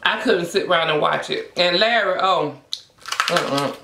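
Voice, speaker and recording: A vlogger chatting casually and bluntly to viewers between bites of food, telling things in an animated way. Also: medium pitch, moderate pace, creaky. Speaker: mukbang vlogger. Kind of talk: casual chatty mukbang vlog while eating. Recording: echoey room.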